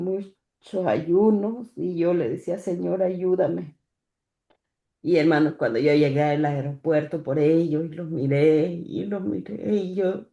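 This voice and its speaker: Low, mellow-voiced woman giving church testimony. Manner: halting, with many restarts and repeated words. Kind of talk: personal religious testimony. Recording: echoey church room.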